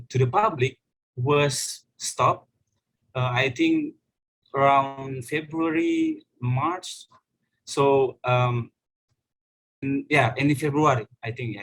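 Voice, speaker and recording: A young student with an Indonesian accent presenting hesitantly in a casual class call, with many fillers. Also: male voice, medium pitch, fairly bright tone, low-quality recording. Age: young adult. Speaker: student panelist.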